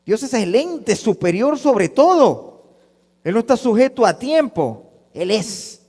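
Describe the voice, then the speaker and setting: A man with a Panamanian Spanish accent, preaching a fervent sermon as pastor, dropping to a hush and then rising to loud calls. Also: extremely high pitch, very animated, slow pace, husky. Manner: fervent preaching, swinging between hushed and loud. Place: church. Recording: long church reverb.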